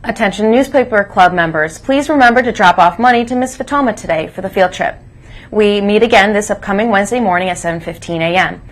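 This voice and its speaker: A woman's voice: mid-range voice, quick pace. Female school news presenter, mid-range voice, reading from a script as morning co-host. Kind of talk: scripted announcements, read aloud. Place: school broadcast.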